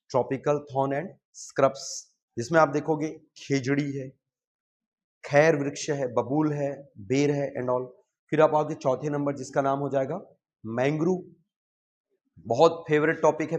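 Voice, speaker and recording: A man giving a chatty, joking classroom lecture and often checking with his students. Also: fairly high pitch. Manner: chatty, jokey, asks students questions. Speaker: exam coaching teacher.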